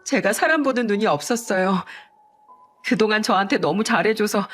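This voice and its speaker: A woman's voice: medium pitch, normal speed, a bit bright, faint music behind, lightly acted. A woman reading the lines of a young adult daughter who apologizes to her parents, plainly and evenly. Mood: apologetic. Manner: apologetic, pleading.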